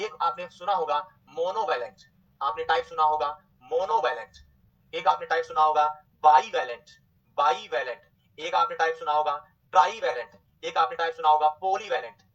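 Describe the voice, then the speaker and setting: A man teaching a nursing exam class, repeating terms slowly and quizzing his students. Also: on the high side, fairly bright tone, distant mic, muffled recording. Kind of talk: online exam coaching lecture.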